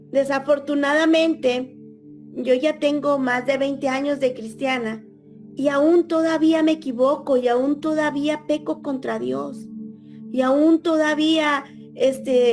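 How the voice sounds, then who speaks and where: A woman's voice: high-pitched, a little mellow. A middle-aged Mexican woman teaching a church Bible class in a chatty way, often adding tag questions.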